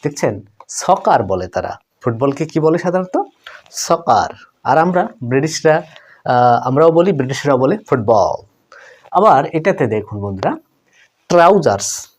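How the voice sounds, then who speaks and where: A man's voice: on the high side, darkish tone. A man teaching English vocabulary to viewers in a chatty way, repeating each word and asking the audience questions.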